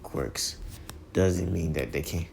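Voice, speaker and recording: A man's voice: low-pitched, vocal fry, darkish tone, a little hiss or hum, heavily acted. Man doing an earnest teen hero. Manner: halting, solemn speech with restarts. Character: earnest teen boy hero, serious and idealistic.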